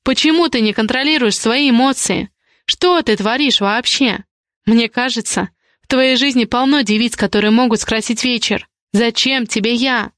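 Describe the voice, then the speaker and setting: A woman reading the lines of a defiant young woman, an indignant ward who argues with rapid questions. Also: fairly high pitch, fairly bright tone, dry recording, studio quality, lightly acted. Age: young adult.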